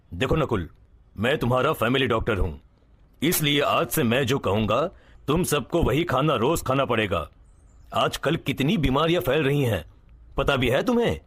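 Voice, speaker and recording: Man voicing a bossy family doctor in a cartoon, husky, lectures everyone. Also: medium pitch, animated, moderate pace, a bit bright. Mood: stern. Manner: stern, lecturing.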